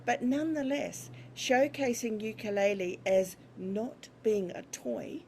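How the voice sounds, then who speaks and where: A woman hosting an interview, encouraging her guest with slightly halting phrasing. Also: a little high, gravelly, a little mellow. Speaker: host. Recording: faint background noise.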